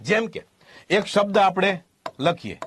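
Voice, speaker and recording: A man's voice: sits high, big pitch swings, a little slow, a little hiss or hum. A man with a Gujarati accent, a native Gujarati speaker, teaching a spoken English class step by step, asking questions and repeating examples. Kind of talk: classroom lesson.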